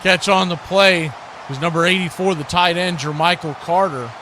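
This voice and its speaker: Calling live football on the radio, a man with a high-sitting voice talks at a normal speed. Between plays he chats folksily with viewers, and he gets excited when a big play happens. Background noise is clearly audible.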